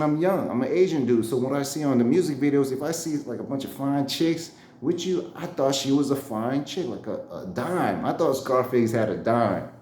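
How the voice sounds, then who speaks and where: With a medium-pitched, slightly mellow voice, a channel host in his forties spins a story full of slang. He laughs a lot and mimics what others said, and the recording has a roomy echo.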